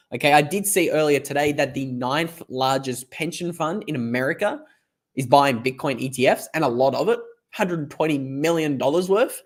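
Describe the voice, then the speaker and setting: Hoarse Australian man hosting a live stream. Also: fairly high pitch, normal speed. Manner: rambling, chatty, reads chat comments aloud. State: hoarse, lost voice. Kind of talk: casual live stream commentary.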